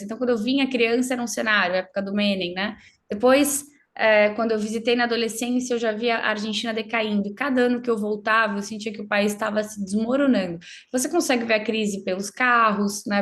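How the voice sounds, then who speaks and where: Assertive woman from Brazil. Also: on the high side. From southern Brazil. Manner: fluent, assertive and emphatic. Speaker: interview guest. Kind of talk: explanatory interview talk.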